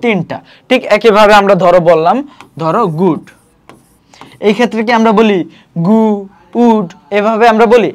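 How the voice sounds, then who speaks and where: বাংলাদেশি উচ্চারণের একজন পুরুষ টিউটর, যিনি ভর্তি পরীক্ষার জন্য ব্যাকরণ পড়ান, বারবার "ঠিক আছে?" জিজ্ঞেস করেন এবং শব্দ ভেঙে ধীরে উচ্চারণ করেন।. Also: male voice, high voice. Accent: Bangladeshi Bengali. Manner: explanatory, repeats checking phrases, spells out syllables slowly. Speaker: admission coaching tutor. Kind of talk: online grammar lesson.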